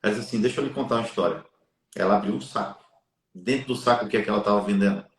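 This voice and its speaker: A man's voice: lowish voice, very fast. Earnest man telling a faith story, echoey room. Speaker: live stream guest. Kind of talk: storytelling in a live chat.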